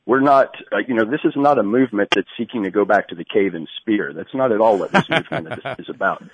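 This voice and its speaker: A man's voice: lowish voice, lively intonation, quick pace. A man being interviewed over a fuzzy, distorted cell phone line. He explains his points in an agreeable way, with a few restarts. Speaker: interview guest.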